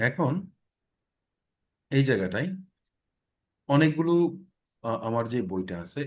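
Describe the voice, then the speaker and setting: Man, pronunciation teacher, online class, repeats sounds, checks in often. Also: medium pitch. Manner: explains patiently, repeating sounds many times and checking in with "ঠিক আছে?".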